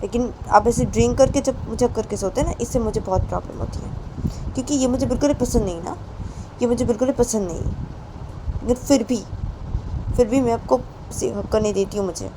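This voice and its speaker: A woman's voice: a little high, a little fast, background noise, pitched above the performer's own voice, natural voice. A woman voicing a young woman who pleads emotionally with her partner, repeating herself with rising insistence. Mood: reproachful.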